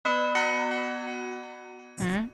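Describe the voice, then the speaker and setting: A woman game streamer who reads story text aloud dramatically and breaks off into casual, blunt, sweary commentary. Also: very slow. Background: game music behind the voice.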